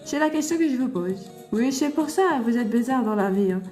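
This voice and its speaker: Woman streamer, fervent preacher, mellow high voice, faint music behind. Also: animated, a little fast, echoey room. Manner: fervent, scolding and rhetorical questions. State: tearful. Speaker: livestream host. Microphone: phone.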